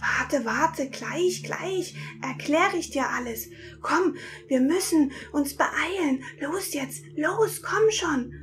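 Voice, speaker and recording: A woman's voice: high voice, takes it slowly, a bit bright, voice pushed up. A woman voicing a small, cheeky, animal-like light spirit in a storybook reading, teasing and giggling with snorting laughs. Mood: urgent.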